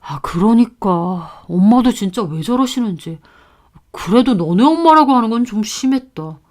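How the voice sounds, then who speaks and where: A woman's voice: on the high side, expressive, moderate pace, lightly acted. Woman doing a weary, placating husband. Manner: placating, exasperated. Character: weary go-between husband, grown son.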